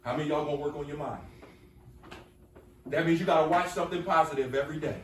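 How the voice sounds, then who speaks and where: A man runs an energetic call-and-response lesson, throwing questions back at a class until they answer together. His voice sits fairly high for a man. He is picked up from a distance in a reverberant classroom, with a faint hiss underneath. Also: quick pace. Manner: energetic, coaxing, repeats questions for the group to answer. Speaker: workshop speaker. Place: school classroom with students. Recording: echoey room from far off.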